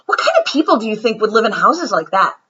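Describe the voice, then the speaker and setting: A woman voicing a brash, excitable young schoolboy in a storybook, blunt and given to loud exclaiming. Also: medium pitch, fast talker, husky, highs cut off, heavily acted. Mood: excited.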